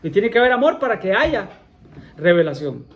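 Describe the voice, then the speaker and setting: A man's voice: sits high, very animated, normal speed. Man preaching in church, keeps saying amen and repeating himself, throws questions at the congregation. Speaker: pastor. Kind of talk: sermon.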